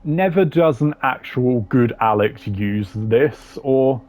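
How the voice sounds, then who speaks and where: This gaming creator speaks slowly and expressively in a mid-range voice with a darkish tone. He gives blunt, informal, slang-heavy opinions while casually ranking game voice lines.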